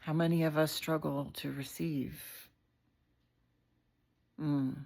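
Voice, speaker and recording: A woman's voice: low-pitched, little pitch movement, slow, creaky, darkish tone. A woman hosting a casual live video, speaking in a heartfelt, candid way with frequent fillers and the odd swear word. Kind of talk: casual livestream talk.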